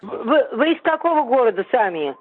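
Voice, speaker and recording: A woman's voice: on the high side, sing-song, moderate pace, slightly rough. Indignant woman in her seventies on a tinny phone line. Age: 70s. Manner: indignant, argumentative, swears when annoyed. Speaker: prank call target. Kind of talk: phone conversation.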